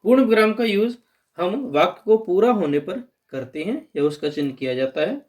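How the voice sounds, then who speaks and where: A man teaches an exam-prep grammar lesson. His voice sits high for a man, and he lifts it to stress each key term as he explains step by step. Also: expressive, normal speed, a little mellow.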